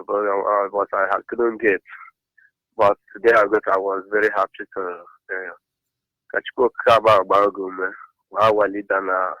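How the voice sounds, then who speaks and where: A man's voice: fairly low pitch, pushed and bright, dry recording, low-quality recording. A man with an Igbo Nigerian accent giving hesitant commentary as a radio phone-in caller.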